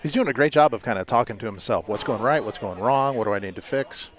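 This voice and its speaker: Guy in the booth doing casual sports analysis, average pitch. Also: quick pace. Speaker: co-commentator.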